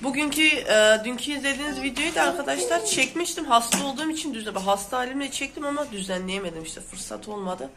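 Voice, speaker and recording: Woman vlogger, sick with a sore throat, high-ish voice, exclamatory home chat with a light hiss behind her. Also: lively intonation, fast talker, few pauses, a bit bright. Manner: chatty and exclamatory, complaining. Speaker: vlogger host. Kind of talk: casual home vlog chat. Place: at home, indoors.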